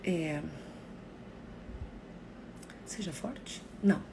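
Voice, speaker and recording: A woman psychologist talking to viewers on a live stream, expressive and acting out the remarks people make. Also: on the low side, very slow, noisy background. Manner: expressive, acts out quoted remarks.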